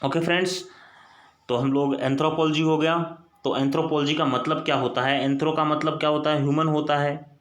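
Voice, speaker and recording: Brisk and level in tone, this slightly high male voice walks through English root words in a screen-recorded Hindi lesson, posing each point as a question he goes on to answer. It was recorded in an echoey room.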